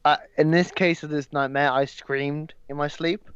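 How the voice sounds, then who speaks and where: Smooth-voiced young man, slightly muffled. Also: on the high side, steady tone, moderate pace, no echo. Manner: hesitant, many ums, swears casually. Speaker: podcast guest. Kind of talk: casual podcast chat.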